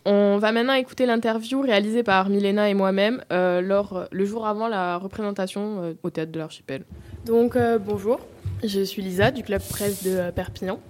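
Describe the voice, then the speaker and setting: A woman's voice: mid-range voice, fairly even intonation, moderate pace, a little mellow. A woman from a press club putting interview questions, hesitating with many fillers.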